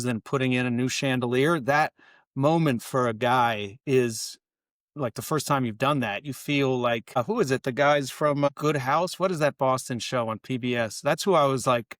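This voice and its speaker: A man's voice: mid-range voice, fairly bright tone, smooth, no echo. Male podcast guest, mid-range voice, wry self-deprecating humor, casual chat, dry close sound.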